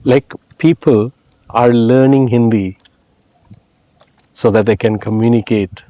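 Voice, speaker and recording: Slow and steady, with a warm mid-range voice, a Malayali man from Kerala, India, explains his views reflectively as an interview guest, often tacking "you know" onto phrases. The recording is muffled but has no echo.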